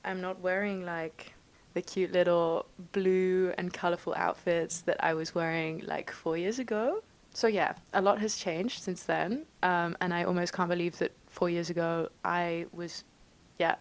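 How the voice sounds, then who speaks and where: A woman's voice: lowish voice, vocal fry, poor audio. A young woman in her twenties from England, with an English accent that carries a slight Dutch tinge, chatting bubbly and enthusiastically to camera from her bedroom. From United Kingdom. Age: 20s. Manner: bubbly and enthusiastic, laughs often. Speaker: vlogger. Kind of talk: casual talk to camera.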